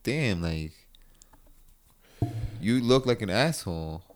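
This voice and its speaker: Low-voiced young man in casual chat. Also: animated, slow. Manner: casual slang, frequent fillers and restarts. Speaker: friend chatting.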